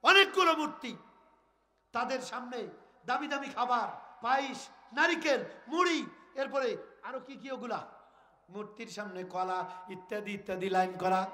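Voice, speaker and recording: High-pitched, bright Bangladeshi preacher. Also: male voice. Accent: northern Bangladeshi Bengali. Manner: chants Quran verses in drawn-out melody, shouts to crowd; acts out prophet's lines in rustic dialogue, scolds listeners. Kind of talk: Bengali waz sermon, storytelling.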